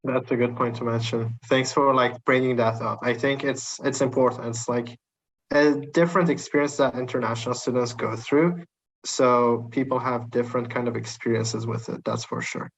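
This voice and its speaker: A young man in his twenties co-hosting a podcast, speaking in a measured, reflective way. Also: mid-range voice, steady tone, vocal fry. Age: 20s. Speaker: podcast co-host. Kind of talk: casual interview conversation. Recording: dull lo-fi mic with faint hiss.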